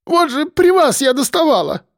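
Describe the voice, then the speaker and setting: Man doing a shrill robbed country woman. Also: sing-song, moderate pace, no room sound, studio quality, heavily acted. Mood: frantic wailing. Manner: shrill wailing lament.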